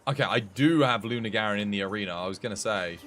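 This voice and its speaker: A man's voice: lowish voice, quick pace, fairly bright tone, soft background music. A young man on a headset mic, chatting casually to his livestream viewers while commenting on his game. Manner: chatty, rambling, swears mildly, talks to chat. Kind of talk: casual gameplay commentary and chat.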